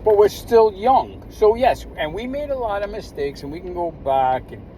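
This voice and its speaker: A man's voice: high-pitched, animated, normal speed, warm tone, low-quality recording. Older American man ranting outdoors. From United States. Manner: rambling, emphatic, with many fillers and restarts. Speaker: commentator. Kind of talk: casual opinion monologue. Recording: clear traffic noise behind.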